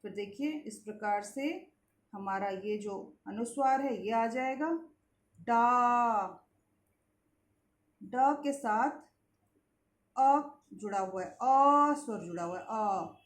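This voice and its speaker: A woman's voice: medium pitch, reverberant. A woman teaching a children's Hindi lesson, drawing out syllables and repeating key points with questions to the class. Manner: slow, drawn-out sounding of syllables and words.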